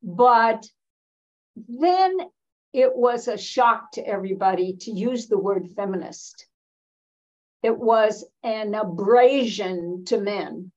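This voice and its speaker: An elderly American woman, seventies or older, speaking as an interview guest in a reflective, emphatic, deliberate way with pauses mid-sentence, on a slightly dull recording. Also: medium pitch, lively intonation, a little mellow. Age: 70s or older. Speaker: interview guest, veteran feminist activist.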